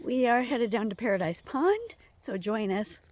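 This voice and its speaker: A woman's voice: fairly high pitch, big pitch swings, normal speed, a little mellow, slight background noise. A woman vlogging while out walking her dogs, slightly out of breath, telling a rambling, chatty story. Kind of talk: casual walking vlog. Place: outdoors on a walk with dogs.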